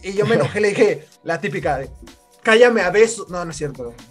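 Over music, a young Mexican-accented podcast co-host spins stories in a quick, expressive, fairly high voice. He's slangy and laughing, loudly performing other people's lines as part of the casual storytelling chat.

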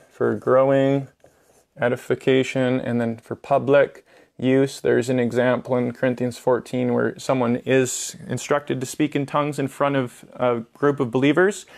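A man's voice: mid-range voice, creaky, darkish tone. A young man preaching informally, casual and earnest, with filler words and restarts. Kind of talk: informal sermon teaching.

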